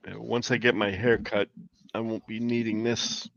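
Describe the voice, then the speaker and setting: A man's voice: on the low side, little pitch movement, normal speed, creaky, fairly bright tone, no echo, dull audio. A man chatting casually on a livestream, speaking without his teeth in. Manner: toothless speech, talking without his teeth in. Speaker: livestream chat participant. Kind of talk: casual chat.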